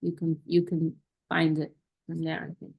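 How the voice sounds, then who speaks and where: A woman's voice: deep voice, monotone, normal speed, gravelly. A woman hosting an online question-and-answer session, talking casually and hesitantly over a video call, often restarting her sentences. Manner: warm, self-deprecating, hesitant with restarts. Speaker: host of a Q&A session.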